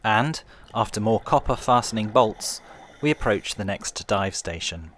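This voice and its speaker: A man with a fairly low voice narrates a guided tour. He is calm and measured, explaining each point as a museum guide would. Noticeable watery background noise runs behind his scripted delivery. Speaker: tour guide narrator of a shipwreck dive trail.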